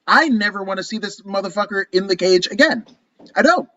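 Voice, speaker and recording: A man co-hosting a casual podcast chat, animated and profane, rambling through his rants. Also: high voice, fairly quick, highs cut off. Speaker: co-host.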